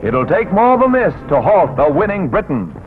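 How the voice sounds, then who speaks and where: A man narrating a 1940s wartime newsreel in a brisk announcer delivery with punchy quips, heard as old newsreel sound. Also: sits high, big pitch swings. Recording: tinny 1940s newsreel soundtrack with loud music.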